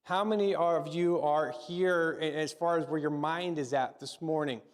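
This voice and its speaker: A man's voice: a little high, fairly even intonation, normal speed. A man preaching a sermon and praying in a church service, speaking conversationally and often restarting and repeating words. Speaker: pastor. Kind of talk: sermon with spoken prayer. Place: church service, also live-streamed.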